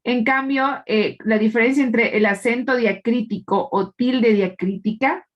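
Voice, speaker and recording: A woman's voice: a little high, a little slow, highs cut off. A woman teacher giving a live class, explaining patiently and quizzing her students, with frequent tag questions. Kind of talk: live online class lecture.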